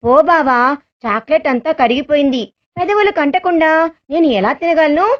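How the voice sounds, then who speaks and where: A bashful young woman speaking softly and sweetly, read by a woman narrator in her own high voice. The sound is dull and lo-fi, like a storybook reading recorded at home. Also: moderate pace, close to an everyday voice. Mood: shy. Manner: shy, soft pleading.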